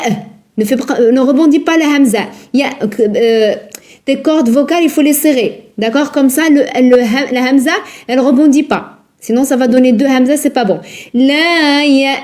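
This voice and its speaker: A woman teaching Quran recitation rules in a live lesson, patient and repetitive, drilling words slowly and asking her students questions. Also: high-pitched, mellow. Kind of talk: live online tajwid lesson.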